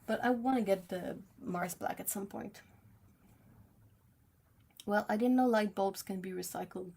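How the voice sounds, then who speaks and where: This young woman has a mid-range, gravelly voice with a dark tone and a breathy edge, speaking at a measured pace. She's a native French speaker with a French Canadian accent who chats casually with her livestream audience while painting, reading the chat aloud and often laughing.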